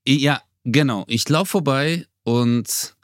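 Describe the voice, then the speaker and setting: A man's voice: medium pitch, slow, no room sound, clean studio sound. A man co-hosting a podcast, telling a story in casual chat, acting out the quotes and laughing often. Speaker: podcast co-host.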